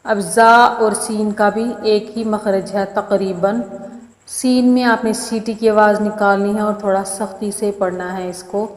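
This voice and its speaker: A woman's voice: medium pitch, fairly even intonation. Woman teaching letter sounds in an echoey room. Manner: models each letter aloud then explains it. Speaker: Quran recitation teacher. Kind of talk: step-by-step pronunciation lesson. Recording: echoey room with long reverb.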